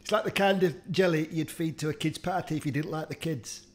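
Sweary man, slightly high voice. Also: a little fast. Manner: sweary, theatrical complaining and groaning. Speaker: food challenge host. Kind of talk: comedic food-tasting vlog.

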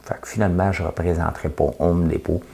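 A middle-aged Québécois man with a deep, warm voice talks fast with vocal fry and a fairly even intonation. As host of his own daily commentary show, he delivers a casual, opinionated monologue, chatty and sarcastic, joking at his own expense and dropping "tu sais" again and again.

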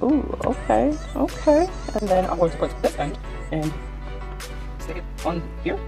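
A young adult woman chatting to viewers as she cooks in her home kitchen, excitable and talking as she works. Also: mid-range voice, unhurried, over music, rough recording. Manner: chatty, excitable, talks to viewers while working. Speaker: cooking vlogger. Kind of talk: casual cook-along narration.

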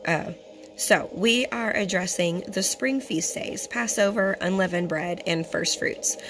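A young woman with a hoarse, partly lost voice, giving a religious teaching as host and often clearing her throat. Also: mid-range voice, a little slow, over music. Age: young adult. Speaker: fellowship host and Bible teacher. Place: small indoor room. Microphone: phone at arm's length.

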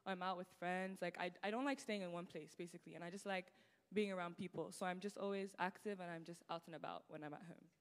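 A teenage girl from Nigeria, appearing as a student guest, chats casually on a church stage into a handheld mic, leaning heavily on "like." With a British-tinged Nigerian accent, she talks fast in a lowish, steady voice that is clear and resonant, and the big hall gives a long reverb.

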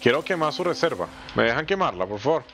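A man giving slangy, animated let's play commentary and talking back to the game's characters. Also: mid-range voice, fast talker. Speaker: gameplay streamer. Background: game music.

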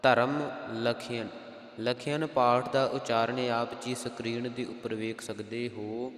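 A man with a Punjabi accent who teaches scripture recitation. He chants verses in a slow, melodic way and then explains their pronunciation in quick spoken asides. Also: medium pitch, level tone. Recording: echoey hall sound.

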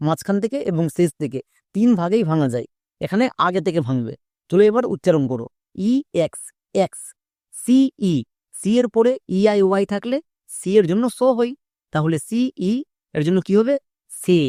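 A patient woman teacher takes her students through words one letter at a time, checking in with them as she goes. Her voice is mellow and sits in a middle pitch. The recording is dry and close, with little room sound. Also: dry recording. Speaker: English pronunciation teacher. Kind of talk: spoken lesson for students.

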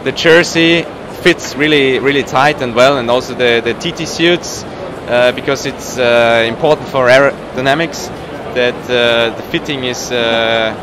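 A man around thirty, not a native English speaker, talks casually in an interview as a professional cyclist, groping for words. His voice is medium-pitched and his pace measured. He's at an indoor trade show booth, with the noisy hall's ambience audible behind him.

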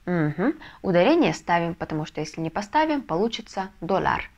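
A woman teaching a video lesson, explaining step by step with patient, soft confirmations. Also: fairly low pitch, big pitch swings, fairly quick, lo-fi sound. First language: Russian. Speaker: Spanish language teacher. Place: language school in a Russian city.

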